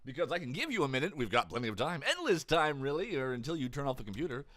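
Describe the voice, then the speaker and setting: Male gamer, theatrical reader, very animated pitch, bright tone. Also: fast talker, no echo. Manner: theatrical, jokey asides, mock transatlantic accent. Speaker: gamer reading a dating sim aloud. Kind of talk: playful dramatic reading of game text.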